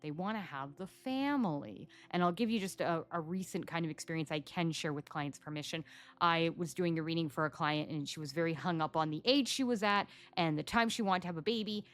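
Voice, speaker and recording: A woman in her forties hosting a casual solo podcast, chatty and animated, telling stories and acting out what her clients say. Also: deep voice, fairly quick. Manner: chatty, animated storytelling, acts out quoted clients. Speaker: psychic podcast host. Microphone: studio microphone.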